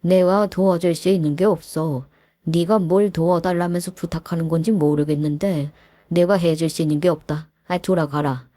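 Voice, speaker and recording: A woman voicing a calm, deeply hurt middle-aged man who was bullied, speaking quietly, firmly and measured. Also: dry recording, studio quality, close to an everyday voice. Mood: cold resolve. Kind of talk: story narration with acted dialogue.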